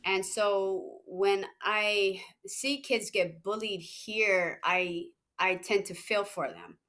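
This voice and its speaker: A young woman from Hawaii, a fighter talking casually in an interview, relaxed and rambling with many fillers. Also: medium pitch, takes it slowly. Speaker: MMA fighter, guest.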